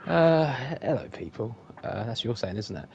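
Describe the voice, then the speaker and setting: Hoarse low-voiced male co-commentator. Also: lively intonation, normal speed, no echo, highs cut off. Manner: quiet, brief interjections. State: losing his voice. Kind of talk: casual stream co-commentary.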